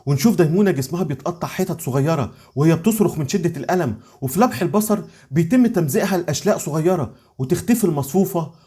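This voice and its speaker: Fast-talking Egyptian man narrating a recap. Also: fairly high pitch, slightly rough. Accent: Egyptian Arabic. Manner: rapid lively retelling, voicing every character briefly.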